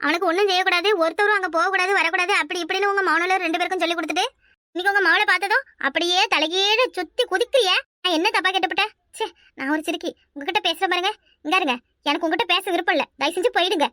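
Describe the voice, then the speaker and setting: A woman's voice: extremely high pitch, very fast, no echo, studio quality. A woman voicing a bitter wronged young wife with a Kanyakumari accent. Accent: Kanyakumari Tamil. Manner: bitter, complaining, sharp-tongued. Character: hurt young wife, beaten by her husband. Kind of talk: cartoon voice acting.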